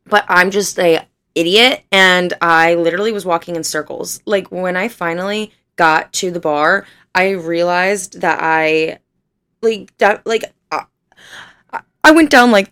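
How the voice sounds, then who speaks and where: A woman's voice: mid-range voice, a bit bright, smooth, dry recording. A young woman in her twenties telling a rambling, self-deprecating story in casual chat, laughing often and swearing freely.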